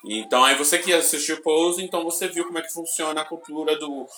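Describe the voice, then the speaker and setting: A man with a deep voice, co-hosting a podcast and telling stories with excitement and sudden shouted bursts. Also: quick pace, slight background noise. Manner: excited storytelling, bursts of shouting when retelling. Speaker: podcast co-host. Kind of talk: casual chat. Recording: roomy echoey room.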